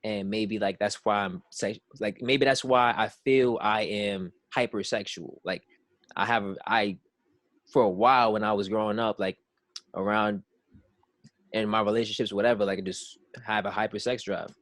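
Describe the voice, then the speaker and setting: A young man co-hosting a podcast, talking frankly in a casual chat with lots of halting restarts and fillers. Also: on the low side, steady tone, fairly bright tone, no echo. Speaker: podcast co-host.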